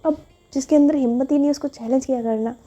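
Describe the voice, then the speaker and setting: A woman's voice: sits high, fairly even intonation, fast talker, dark tone, dull audio, voice pushed up, close to an everyday voice. Woman voicing a teasing young woman. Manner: teasing and coy.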